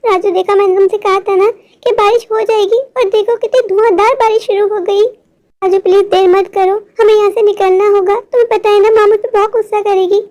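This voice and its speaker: A performer voicing an anxious, cautious little girl in an animated cartoon, talking in a pleading, fretful way. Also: extremely high pitch, brisk. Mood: frightened.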